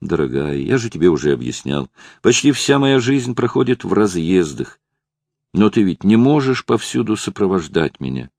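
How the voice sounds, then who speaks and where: A quiet, pleading man in love, as a narrator puts him on talks gently and low. His deep voice carries a creaky rasp. The recording is dry and close. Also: big pitch swings, moderate pace, no echo, heavily acted. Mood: gentle.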